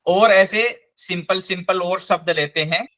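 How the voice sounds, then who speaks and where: A man teaching a live online language class, slowly and patiently spelling out each sound. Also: high-pitched, fairly even intonation, pushed and bright.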